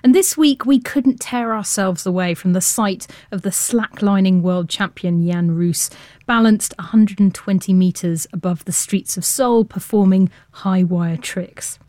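A woman's voice: medium pitch, a little slow, warm tone, no room sound. Playful female science show presenter, dry sound. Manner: informal, playful. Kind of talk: radio presenting, chatty and semi-scripted.

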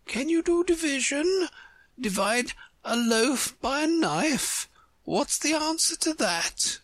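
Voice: sits high, expressive, slow pace, dry recording, voice pushed up. A reader voicing an imperious, contrary chess queen, a woman who scolds with pompous emphasis in a storybook. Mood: brisk, challenging.

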